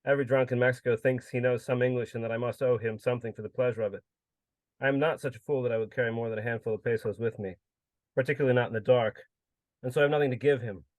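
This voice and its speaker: A man giving a measured, solemn reading of his own literary prose. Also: mid-range voice, fairly even intonation, darkish tone, dry recording. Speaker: contributor reading his story.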